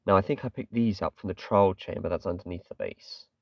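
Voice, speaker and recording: This English host of a gaming channel has a deep, darkish voice with vocal fry and talks fairly quickly. Chatting ramblingly through his game, he's self-deprecating and uses fillers like "kinda"; the mic sits far away and picks up a little hiss or hum.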